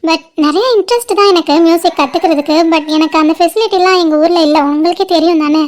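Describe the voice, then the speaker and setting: A woman's voice: very high-pitched, fast. A woman voicing a cheerful young woman in a cartoon, a chatty and affectionate doting aunt. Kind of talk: animated cartoon dialogue.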